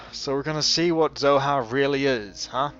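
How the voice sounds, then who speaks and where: A man hosting a video game let's play, commenting casually and loosely with quick, self-mocking asides. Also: mid-range voice, fairly bright tone. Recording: dull lo-fi home mic. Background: faint game music.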